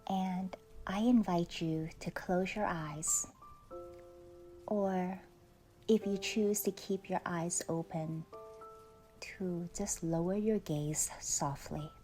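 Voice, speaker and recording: With faint music in the background, a woman with a lowish voice talks listeners through a guided meditation. Her delivery is soft and unrushed, marked by lengthy pauses and a frequent breathy trailing off.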